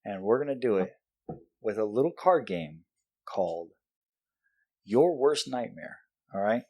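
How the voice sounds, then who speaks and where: A man's voice: on the low side, animated, unhurried, darkish tone, slightly rough. A man hosting a podcast in a casual, playful chat with guests. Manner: playful, joking. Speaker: podcast host.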